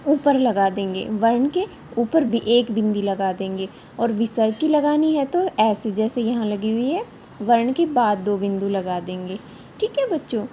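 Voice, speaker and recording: Patient woman teacher, mellow voice. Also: on the high side, slight background noise. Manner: patient, explaining step by step, asks questions and checks with "ठीक है?". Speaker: primary school teacher. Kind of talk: recorded Hindi revision lesson for young children.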